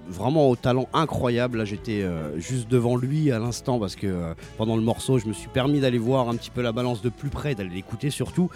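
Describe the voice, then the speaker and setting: A man's voice: mid-range voice, brisk, hardly any pauses, darkish tone. A man hosting a live music radio show, talking casually with many hesitations and restarts. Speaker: radio host.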